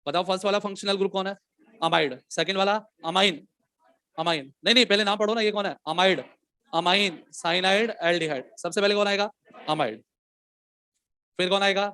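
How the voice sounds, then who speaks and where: A man teaching a chemistry class, quizzing the students and dictating questions slowly. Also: high-pitched, bright, forceful tone, dry recording, clean studio sound. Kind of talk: classroom lecture.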